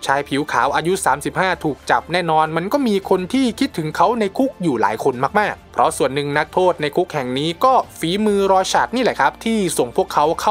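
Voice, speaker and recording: A man tells a film's plot in a loose, chatty recap, slipping into slang and calling the viewers his friends. His voice sits a little on the high side, with soft music playing faintly underneath. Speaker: movie recap narrator. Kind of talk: casual movie recap narration.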